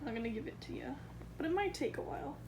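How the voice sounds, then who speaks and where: This woman talks fast in a high-pitched, expressive voice while casually vlogging from her backyard and then inside the house. She's chatty, giggly, and tends to ramble, and the home video has a lot of noise.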